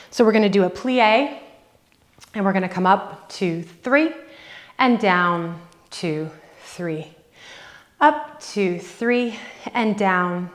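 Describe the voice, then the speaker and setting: A woman fitness instructor guides a workout from her home, calling out counts and cues at a slow, deliberate pace. Her voice sits in a middle register, and she encourages the viewer as she coaches through each rep. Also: medium pitch. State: out of breath at times.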